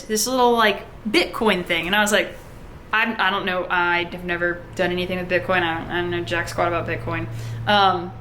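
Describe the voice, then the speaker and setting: A woman's voice: mid-range voice, pushed and bright, slight background noise. A young woman casually telling a personal story to her viewers, chatty and full of "like", acting out the back-and-forth of a conversation. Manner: chatty, heavy use of "like", many restarts, acts out quoted dialogue.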